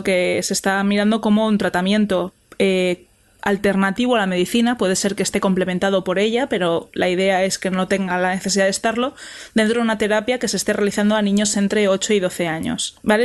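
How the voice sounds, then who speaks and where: A woman co-hosting a casual podcast, speaking with many fillers and restarts. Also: medium pitch. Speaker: podcast co-host.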